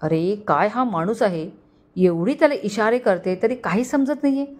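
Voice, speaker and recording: A woman's voice: medium pitch, moderate pace, darkish tone, lightly acted. A woman voicing a shy young woman in a romantic story, who sounds exasperated and teasing with her family.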